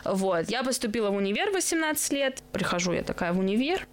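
A woman's voice: medium pitch, fast. A woman in her twenties from Russia, a guest streamer and esports caster, chatting casually on a podcast and telling stories with acted-out quotes. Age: 20s. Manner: lively storytelling with acted-out quotes.

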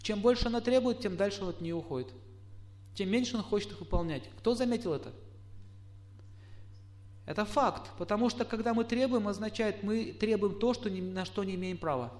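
A middle-aged man giving a lecture, putting questions to his listeners and acting out quoted spouses in lively asides. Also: high-pitched, a little fast. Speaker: astrologer lecturer. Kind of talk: lecture to a live audience.

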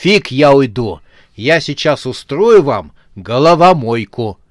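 A man's voice: mid-range voice, big pitch swings, takes it slowly, dry recording, studio quality. A man putting on a fiery jealous young girlfriend. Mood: furious. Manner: scolding, indignant outbursts. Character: feisty jealous young girlfriend, sharp-tongued.

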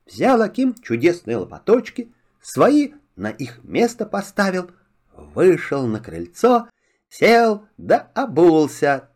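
A man narrating a children's fairy tale in an animated storytelling manner. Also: high voice.

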